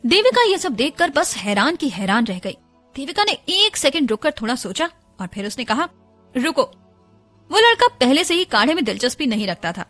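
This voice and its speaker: A woman radio jockey narrating a serialized audiobook. Her high voice swings widely as she tells the story expressively, over a faint bed of music. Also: sing-song, fairly quick, fairly bright tone.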